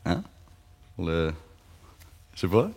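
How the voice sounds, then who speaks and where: A man's voice: sits low, big pitch swings, slow, vocal fry, darkish tone. A man with a Quebec French accent, chatting in a meandering way as an interviewee in a mockumentary. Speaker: interviewee, friend.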